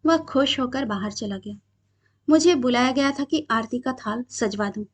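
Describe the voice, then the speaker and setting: A woman narrating a short story aloud in a calm, measured reading voice. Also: fairly high pitch, slightly rough.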